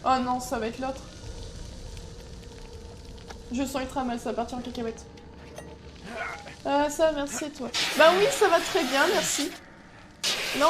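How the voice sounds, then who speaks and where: Woman, gaming streamer, high voice, chatty, excitable, casual commentary. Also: background noise. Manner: chatty, reacts aloud, talks to her chat; excitable outbursts and laughs.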